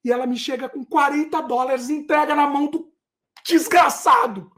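A man with a notably high-pitched voice tells an animated story. He acts out both sides of a heated argument, shouting and mimicking voices for dramatic effect. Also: moderate pace. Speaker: podcast host. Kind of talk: animated storytelling in casual chat.

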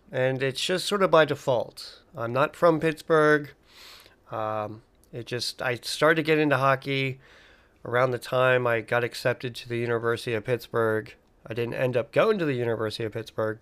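A man's voice: mid-range voice, a bit bright, clean tone. A man hosting a casual solo podcast, rambling with lots of fillers and reading articles aloud. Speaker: podcast host.

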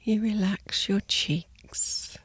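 A woman guiding a sleep meditation in a soft, soothing spa-like whisper, gently and in short, unhurried phrases. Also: mid-range voice, husky, no echo. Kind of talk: guided sleep meditation narration.

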